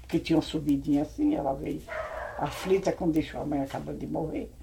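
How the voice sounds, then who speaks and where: A woman's voice: low-pitched, fast, creaky, background noise. An older woman with a Brazilian accent telling old family stories in a rambling, vivid way. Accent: Brazilian Portuguese. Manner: rambling, vivid, re-enacts scenes with exclamations. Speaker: family elder recalling old times. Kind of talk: casual oral storytelling.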